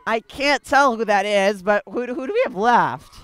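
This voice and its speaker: A man's voice: high voice, animated, normal speed, fairly bright tone, clear, resonant tone. A young man doing live, chatty sports broadcast commentary from a set at a stadium, bantering with guests. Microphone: handheld broadcast mic.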